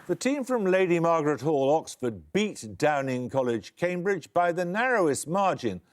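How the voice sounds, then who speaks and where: A man hosting a quiz show, reading questions crisply and giving dry, wry introductions. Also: a little high, very animated, normal speed. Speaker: quizmaster.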